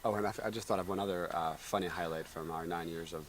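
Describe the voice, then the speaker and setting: A man in his thirties, co-hosting a casual chat show and telling stories in a lively way. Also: low-pitched, fast talker, a little hiss or hum. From United States. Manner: lively storytelling, chuckling. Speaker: co-host. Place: outdoor backyard.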